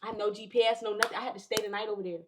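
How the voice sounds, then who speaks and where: A woman's voice: medium pitch, very fast, noisy background. A woman guest on a podcast, casually telling a long story with profanity and acted-out quotes. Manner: animated, profane, acts out quotes.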